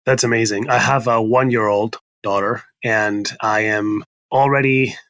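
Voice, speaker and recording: A man from Spain, a startup founder guest, explaining his product in a brisk conversational podcast interview. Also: fairly low pitch, fairly even intonation, a bit bright, no echo.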